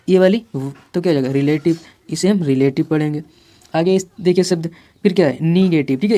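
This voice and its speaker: A woman teaching a phonics lesson, patiently sounding out words slowly and repeating them. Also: fairly low pitch, mellow. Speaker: English teacher.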